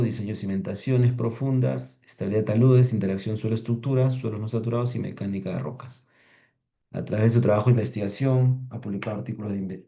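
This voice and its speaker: A man hosting a technical webinar over a video call, introducing the speaker in a halting way with many repeated words. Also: lowish voice, gravelly, dark tone. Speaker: webinar host.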